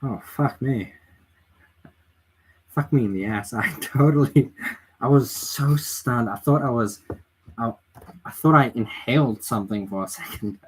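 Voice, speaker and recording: A man's voice: medium pitch, a little slow, long pauses, slight background noise. A man casually commenting on a livestream, exclaiming and swearing freely with frequent laughs. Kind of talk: casual live-stream commentary.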